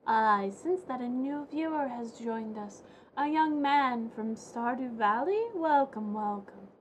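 A woman plays a theatrical TV fortune teller in a video game, welcoming and mystical. The words are drawn out in a high voice, with noise behind them. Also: slow, poor audio.

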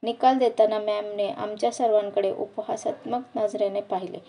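Female novel reader, steady narration, warm dark timbre. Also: mid-range voice, normal speed, distant mic. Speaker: audiobook reader. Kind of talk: reading a novel aloud.

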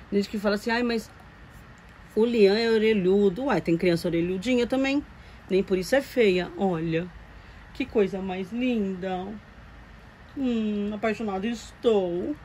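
A woman with a Brazilian Portuguese accent chats casually to her viewers from a home room lined with doll shelves, cooing fondly over a reborn doll she collects. Her voice is fairly low and mellow, and the poor audio carries a little hiss or hum.

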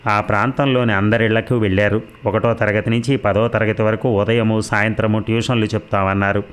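A man narrating a serialized audio story in a steady, even manner. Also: fairly low pitch, a little fast, clear, resonant tone.

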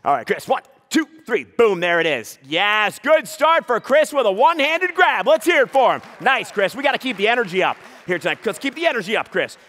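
A man's bright, ringing voice bounces all over the place as he teases a volunteer onstage. His banter is playful and quick, breaking into shouts to pump up the audience. It is a live comedy juggling act. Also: high voice, sing-song. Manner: playful teasing banter, bursts of shouted crowd hype. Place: live stage before an audience.

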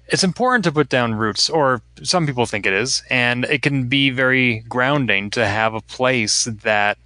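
Bright-voiced man hosting an interview. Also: medium pitch, no echo. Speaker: podcast host. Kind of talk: interview questions.

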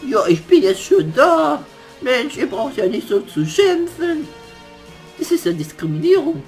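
A man's voice: extremely high pitch, big pitch swings, unhurried, exaggerated voice. A cheeky raven servant in a puppet theater play grumbles and talks back, voiced by a man. His voice swoops all over the place with sassy whining. Faint music plays in the background. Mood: indignant. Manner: sassy, whiny and back-talking.

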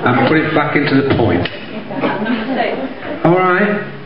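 A man's voice: on the high side, big pitch swings, a little slow, a loud crowd. A middle-aged man with an East Midlands accent from Derbyshire, teaching line dancing live in a jokey, chatty way and calling out the steps. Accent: East Midlands English, Derbyshire. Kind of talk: live dance instruction, counting steps. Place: stage in a community hall. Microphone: handheld microphone through PA, recorded from the audience. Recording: echoey hall, dull sound, audience heard.

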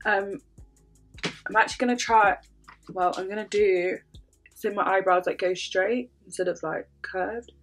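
Her voice is mid-range and unhurried, broken by long pauses, while soft music plays underneath. She's a makeup vlogger who sounds congested and sniffly, chatting casually through her tutorial with plenty of "um" and "like."

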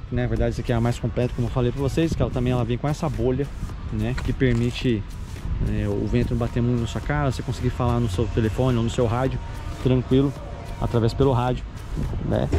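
A man hosting a motorcycle channel, giving enthusiastic casual test-ride commentary straight to his viewers, repeating himself as he goes. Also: mid-range voice.

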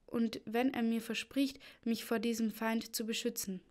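A woman's voice: on the high side, little pitch movement, normal speed, darkish tone, close to an everyday voice. A woman voicing a distressed young queen who pleads anxiously. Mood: pleading.

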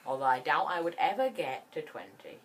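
A woman giving chatty, excitable gameplay commentary that rambles and restarts. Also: low-pitched, fairly quick, slight background noise. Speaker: gaming channel host.

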